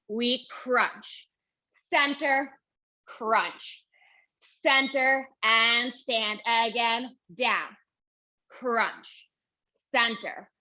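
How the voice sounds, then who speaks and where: Young female Pilates instructor, winded mid-workout, unhurried cueing, slightly high, lo-fi recording. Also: sharp tone. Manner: counts reps and cues moves while exercising. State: out of breath. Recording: dull lo-fi audio.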